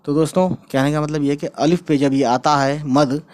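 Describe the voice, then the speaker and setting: A man teaching a casual online language lesson, drawing out words slowly and often checking in with his listeners. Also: on the high side, steady tone, darkish tone. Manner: repeats words slowly, drawn out for pronunciation; chatty, checks in with "right?" and "guys". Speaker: Urdu teacher.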